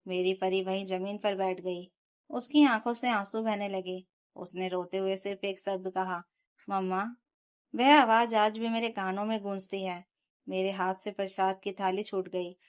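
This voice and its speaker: Woman storyteller reading a dramatic family tale in first person, steady and emotional. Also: medium pitch, moderate pace.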